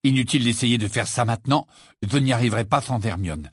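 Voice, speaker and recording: A man's voice: medium pitch, lively intonation, fast talker, husky, dry recording, studio quality. Man doing a grumbling, stubborn teenage wizard. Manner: mutters, flares up angrily.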